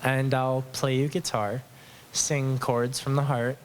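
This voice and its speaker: Slow, tender man reading love poetry. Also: mid-range voice, little pitch movement, a little hiss or hum. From Southern Alberta. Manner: earnest, tender, a bit nervous. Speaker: poet. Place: small acoustic lounge with live audience.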